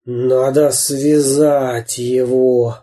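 A narrator voicing a brutish bearded pirate captain in a gruff, barking way. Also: mid-range voice, a little slow, mellow, lightly acted. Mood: gloating. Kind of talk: audiobook character voice.

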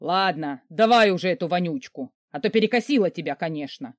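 A woman voicing a hulking, short-tempered rich man who yells, snarls and mocks. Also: low-pitched, fairly quick, no echo, studio quality, lightly acted. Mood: raging. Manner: yelling, sarcastic, snarling. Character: furious rich man, a hulking grumpy boss.

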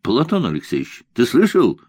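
A man's voice: mid-range voice, wildly swooping pitch, moderate pace, breathy edge, no echo, clean studio sound, pitched above the performer's own voice. A man doing an indignant young officer. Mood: demanding. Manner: indignant, shouting, breathless.

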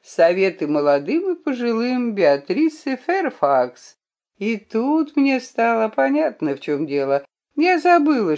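A reader narrating an audiobook in a measured, storytelling manner. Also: mid-range voice, darkish tone, dull audio.

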